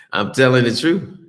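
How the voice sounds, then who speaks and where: On a live stream, an American man works through viewer comments with casual, blunt replies, heavy cursing and frequent restarts. His voice is medium-pitched and a bit bright, captured in a roomy, echoing space.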